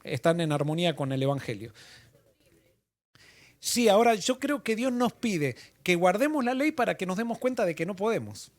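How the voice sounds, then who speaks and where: A man's voice: high-pitched, no echo. A male pastor leading an interactive Bible study, asking the class questions and repeating their answers.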